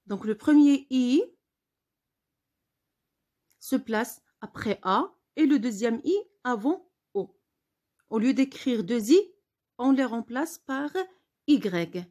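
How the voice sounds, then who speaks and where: A woman teacher giving a spelling lesson, patiently repeating words slowly for her pupils. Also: fairly high pitch, lively intonation, warm tone.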